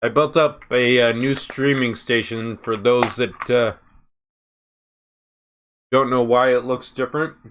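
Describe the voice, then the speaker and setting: A man hosting a casual tech livestream from his workshop table, talking haltingly with many fillers. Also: medium pitch, fairly even intonation, a bit bright, smooth.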